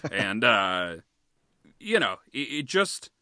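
A man's voice: on the low side, sing-song, takes it slowly, sharp tone, no echo, clean studio sound. A man co-hosting a podcast in casual chat, ranting heatedly, swearing freely and laughing often. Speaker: podcast co-host.

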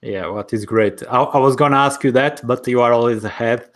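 Man, Portuguese accent, native Portuguese speaker, interviewer, conversational, wordy and rambling, mid-pitched voice. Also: fairly quick. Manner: wordy, rambling lead-ins to questions.

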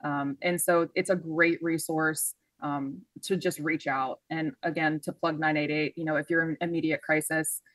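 A woman's voice: low voice, flat delivery, moderate pace, hardly any pauses, a bit bright, dry recording. A woman answering as an expert interview guest, explaining in an earnest, encouraging way. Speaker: guest, mental health clinician.

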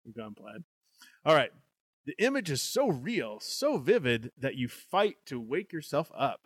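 A man's voice: mid-range voice, big pitch swings, unhurried, breathy edge, dry recording, studio quality. A young man co-hosting a show, reading a gamebook aloud with banter and frequent laughs. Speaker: podcast co-host reading a gamebook.

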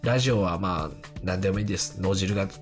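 A man's voice: low voice, fast talker. A man with a congested, nasal voice hosting a casual solo radio talk in a chatty, self-deprecating way. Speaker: radio show host. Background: background music.

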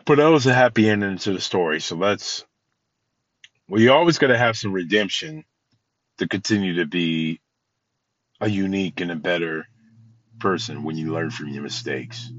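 A man's voice: low voice, moderate pace, pauses often, fairly bright tone, dull audio. A man hosting a podcast, talking casually and from the heart about love and surprises, rambling with many restarts and sounding tired. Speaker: podcast host. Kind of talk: casual motivational talk.

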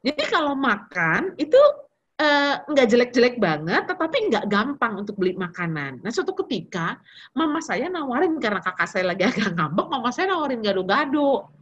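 A woman in her fifties preaches in a chatty, storytelling way, dropping slang and English words. Her voice is husky and pitched fairly high, and it moves up and down a great deal. The recording sounds a little dull and lo-fi. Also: very animated, normal speed, fairly bright tone. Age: 50s. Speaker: preacher speaking to young people. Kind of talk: casual sermon with personal stories.

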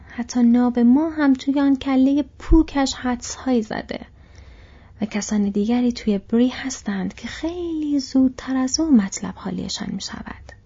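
A woman voicing a fat, fretful, easily frightened male innkeeper in a breathy whisper, as whispered role-play in a storybook reading. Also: fairly high pitch, mellow, muffled recording, voice pushed up.

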